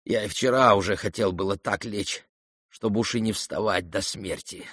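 A man voicing a dying young man, hoarse and weak, speaking quietly and tiredly with faint irony, in an audiobook reading. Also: on the low side, normal speed, no echo, studio quality. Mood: weary. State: hoarse, near whisper.

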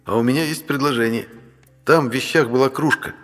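A man's voice: medium pitch, brisk, fairly bright tone, faint music behind, pitched above the performer's own voice, natural voice. A man voicing a young male dragon, a stern and curt older brother, in an audiobook. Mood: bossy. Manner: curt and commanding. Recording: long hall reverb.

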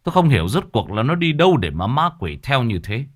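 A man voicing an old village exorcist who speaks in a stern, commanding, measured way. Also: medium pitch, sing-song, pitched above the performer's own voice.

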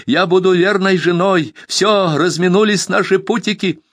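A man's voice: medium pitch, lively intonation, a little slow, no echo, studio quality. A man reading an audiobook, voicing a tearful young village woman who pleads and cries out. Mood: anguished. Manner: pleading, sobbing, rising to cries.

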